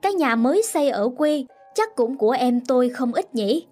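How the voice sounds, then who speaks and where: A woman voicing a sharp-tongued, scornful sister-in-law who scolds loudly, in a storybook reading. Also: sits high, lively intonation, normal speed, soft background music. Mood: scornful, scolding. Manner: loud, mocking and scolding.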